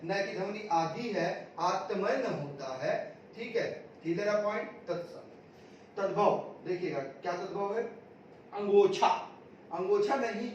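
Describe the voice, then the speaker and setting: A man's voice: high voice, slight background noise. A man teaching an exam-prep grammar lesson, drilling students with repeated questions and answers. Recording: echoey room, distant mic, dull sound.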